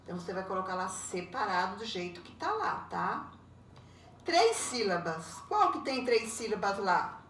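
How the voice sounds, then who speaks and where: A woman, a primary school teacher correcting homework in a recorded lesson, explaining slowly and patiently with frequent checking tags. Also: mid-range voice, sing-song, fairly bright tone. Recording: roomy echo, voice a bit far from the mic, faint background noise.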